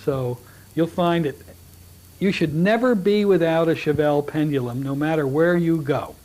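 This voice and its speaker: A middle-aged hypnosis instructor with a fairly high, slightly raised voice teaches a class in a relaxed, joking style. He addresses the students directly at a normal speed, often restarting sentences, and the audio comes from a plain classroom.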